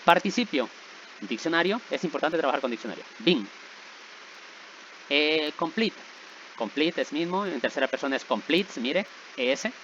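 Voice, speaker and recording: A man's voice: on the high side, animated, normal speed, pauses often, fairly bright tone, slight background noise. Patient man teaching, slightly dull recording. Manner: patient, repeats checks like "¿verdad?" and "¿sí?". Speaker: English teacher. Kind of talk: explaining grammar rules.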